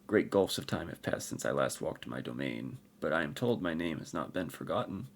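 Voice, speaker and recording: A man voicing an ancient armored warrior emperor, speaking formally and gravely in a rich voice. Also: a bass voice, animated, moderate pace, full character voice. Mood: weary. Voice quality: rich voice with an unfamiliar accent.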